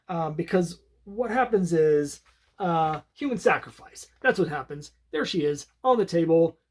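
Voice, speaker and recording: A man's voice: sits high, a little mellow. A man casually reviewing an old comic book, talking in a rambling, conversational way with many fillers and restarts.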